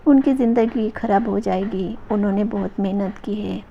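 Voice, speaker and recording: A woman's voice: medium pitch, normal speed, vocal fry, slight background noise, lightly acted. A woman voicing a tearful young man who pleads with his sister-in-law in a choked voice, in a storybook reading. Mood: pleading. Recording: dull lo-fi recording.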